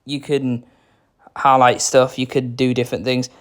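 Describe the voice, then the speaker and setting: A man's voice: medium pitch, flat delivery, moderate pace. A young man casually demoing a phone's settings, rambling and unsure, with many fillers. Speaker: phone reviewer. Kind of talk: casual screen-recorded demo.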